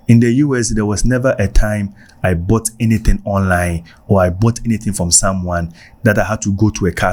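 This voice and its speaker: A Ghanaian vlogger with a low-pitched voice and Ghanaian accent casually tells personal stories, staying animated and repeating himself for emphasis.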